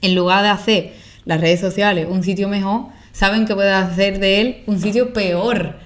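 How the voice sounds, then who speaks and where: A woman's voice: mid-range voice, steady tone, moderate pace. Casting: young woman, Andalusian accent, mid-range voice, casual interview guest, outspoken and colloquial. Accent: Andalusian Spanish. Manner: colloquial, emphatic, with rhetorical questions. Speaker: guest, social media creator and activist. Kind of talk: casual, opinionated interview talk.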